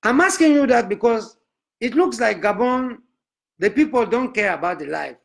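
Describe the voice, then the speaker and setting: A man doing a booming Nigerian prophet. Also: expressive, a little slow, gravelly, fairly bright tone, full character voice. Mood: preaching. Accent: Nigerian English. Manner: broken English, declaiming sermon. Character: pompous preaching male prophet, booming and solemn. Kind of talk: comic sermon.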